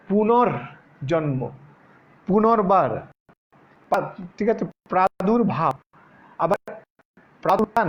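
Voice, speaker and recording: A male teacher giving a classroom grammar lesson, speaking slowly and repeating terms to stress what comes up in exams. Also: sits high, highs cut off. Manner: slow, repeating terms and stressing exam points. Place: classroom, moving about the board.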